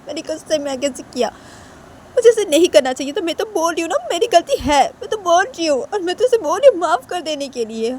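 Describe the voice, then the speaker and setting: A woman's voice: extremely high pitch, sing-song, fairly quick, a little mellow, slight background noise. A woman voicing a young woman who pleads, close to tears, to be believed. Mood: pleading. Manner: begging, near tears.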